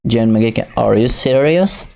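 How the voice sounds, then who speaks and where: Gravelly man teaching English slowly. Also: medium pitch, darkish tone, a little hiss or hum. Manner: reads English slowly, explains in Dari. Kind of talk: recorded textbook lesson.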